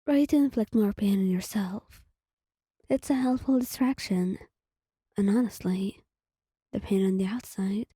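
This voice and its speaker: A woman reading her own fan fiction aloud as a whispered role-play, in a soft, half-whispered storytelling voice. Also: medium pitch, husky, dry recording, studio quality.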